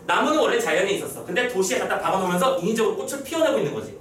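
A man's voice: high-pitched, expressive, rapid-fire, noisy background. A young man lecturing on a poem for exam prep, talking casually and teasing his students. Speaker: Korean literature lecturer. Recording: echoey room, mic at a distance.

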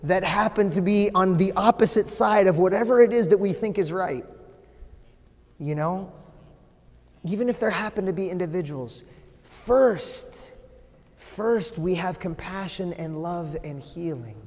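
A priest in his forties preaching a sermon in a large church, animated, with swings from loud emphasis to a near-whisper. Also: high-pitched, unhurried. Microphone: far camera, no visible mic. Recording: long church reverb.

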